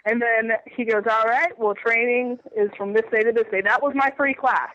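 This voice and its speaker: Bright-voiced woman telling a story, unwell. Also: on the high side, normal speed, lo-fi sound. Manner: animated storyteller, laughs often. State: under the weather. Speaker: guest wrestler. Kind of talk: storytelling interview.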